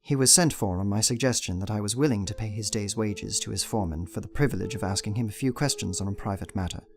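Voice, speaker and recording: In an audio drama, an actor with a lowish, gravelly voice plays an earnest, determined young Victorian gentleman. He narrates a journal in a formal, measured manner.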